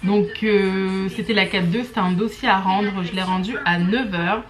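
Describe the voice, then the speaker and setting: A woman's voice: mid-range voice, steady tone, normal speed, roomy sound, over music. A young woman, a student chatting casually in a home vlog with many fillers. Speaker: student vlogger. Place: home, indoors.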